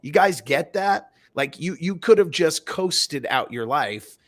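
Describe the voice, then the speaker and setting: A man's voice: on the high side, lively intonation, a little slow, a bit bright. Preachy male talk show host. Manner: preachy, turns to address the audience.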